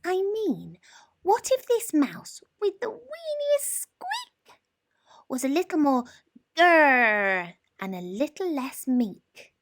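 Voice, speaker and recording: A woman voicing a tiny, meek male mouse with a squeaky, eager, breathless voice in a storybook reading. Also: huge pitch swings, slow, heavily acted. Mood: excited.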